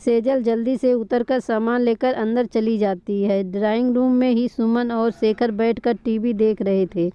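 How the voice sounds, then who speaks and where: A woman calmly narrating a scripted family drama story. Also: a little high, a little slow, few pauses, smooth, no room sound. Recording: dull lo-fi recording.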